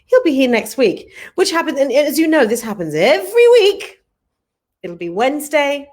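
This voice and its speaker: A woman's voice: high-pitched, big pitch swings, normal speed, a little mellow. A woman hosting a live online show, gushing with thanks and cheerful sign-offs. She talks in an upbeat, effusive way. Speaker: host.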